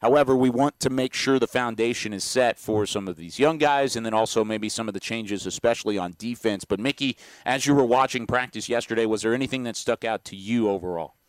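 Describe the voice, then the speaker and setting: A man's voice: medium pitch, fairly quick, few pauses, dry recording. A man hosting a casual sports podcast who recaps events and poses questions to his co-hosts. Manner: steers the talk, sets up questions. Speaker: podcast host.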